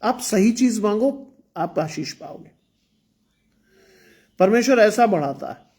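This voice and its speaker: With a high, animated, slightly mellow voice and a breathy edge, a male pastor delivers an online sermon with some English at a slow pace. He's earnest and exhorting, repeats phrases, and has a sore throat.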